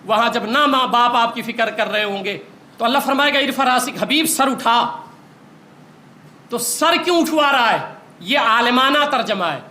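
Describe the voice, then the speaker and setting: A man's voice: very high-pitched, expressive, bright, forceful tone. A man preaching a sermon in an impassioned, rising voice, recorded in a large echoey hall.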